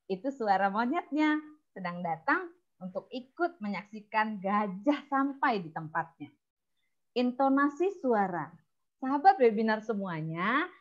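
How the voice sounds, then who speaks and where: A woman teaches storytelling on a video call, her tone lively and expressive. Her voice sits fairly high, and the audio is dull and lo-fi. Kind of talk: webinar lesson.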